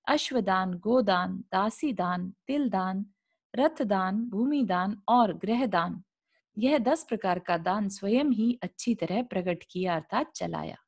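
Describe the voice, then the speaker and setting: Woman teacher on a video call, reads the old text then breaks it down, keeps asking the class questions. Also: medium pitch. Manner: reads a passage, then explains it in simple words with rhetorical questions. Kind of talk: reading and explaining a religious text.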